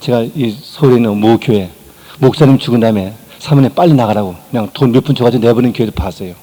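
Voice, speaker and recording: Older guy pastor doing a sermon story, warm dark voice, mid pitch, gets quiet then loud. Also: fast, low-quality recording. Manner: storytelling with emotional quoted dialogue, rising and dropping loudness. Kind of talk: sermon testimony.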